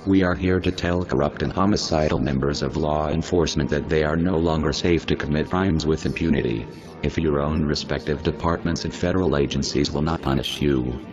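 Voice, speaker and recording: A man with his voice disguised and pitched down very deep, reading a scripted threatening statement in a slow, measured, menacing way. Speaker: spokesperson for a hacker collective. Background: music.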